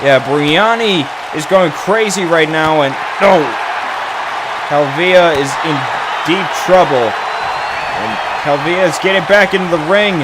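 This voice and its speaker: High-voiced man calling wrestling, excited play-by-play. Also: over a noisy crowd, heavy background noise. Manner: exclamatory, halting delivery with frequent mild slang expletives. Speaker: wrestling commentator.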